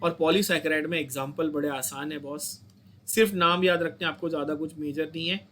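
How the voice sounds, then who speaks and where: High-pitched Indian man teaching chemistry. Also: steady tone, a little fast, a bit bright, slight background noise. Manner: coaxing, repeats points and asks students to say them back. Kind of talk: online lecture.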